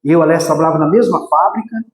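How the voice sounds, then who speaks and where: Fervent high-voiced preacher in an echoing hall. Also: male voice, rapid-fire. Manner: fervent, repeatedly addresses "irmãos", bursts into shouts. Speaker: missionary preacher. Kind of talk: sermon testimony. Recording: echoey hall with long reverb.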